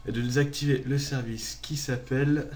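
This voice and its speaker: A man narrating a screen-recorded software tutorial, calmly walking through each click step by step. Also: mid-range voice, normal speed. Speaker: tutorial maker.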